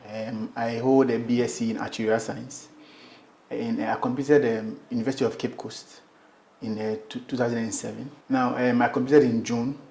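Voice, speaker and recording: A man's voice: mid-range voice, mellow. Hesitant man in an echoey room. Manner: hesitant, many fillers and restarts. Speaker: former missionary pastor. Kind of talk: testimony interview.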